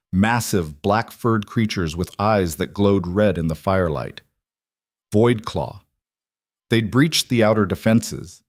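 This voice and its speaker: A man reading a dramatic fantasy story as scripted narration, in a measured, dramatic way. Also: lowish voice, darkish tone, dry recording, clean studio sound.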